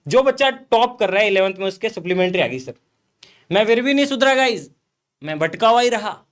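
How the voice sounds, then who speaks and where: A man's voice: high voice, expressive, a little fast. A young man telling students about failing and studying again, earnest and direct, often calling his listener sir. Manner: earnest, addresses viewers as guys and host as sir. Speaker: guest influencer. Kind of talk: motivational chat.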